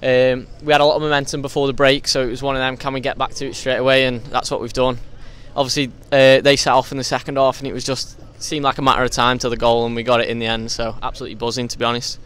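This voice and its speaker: A young male footballer talks quickly and fluently after the match. His voice is crisp and clear, and his tone flat but upbeat, spoken into a handheld mic outside the ground. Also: mid-range voice. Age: young adult. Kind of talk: post-match interview. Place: outside a stadium entrance.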